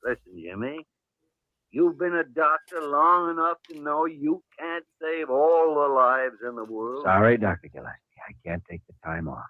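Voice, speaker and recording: A male actor with a slightly high voice plays an earnest, firm hospital doctor in a 1950s radio drama, theatrical and emphatic yet only lightly acted. His mood is earnest and insistent, at a moderate pace, on a tinny vintage recording with no room sound.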